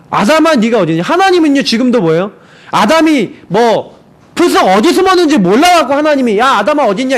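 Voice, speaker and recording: A male pastor preaching a sermon, asking the congregation rhetorical questions and acting out the quoted lines in shifting voices. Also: extremely high pitch. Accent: Seoul Korean.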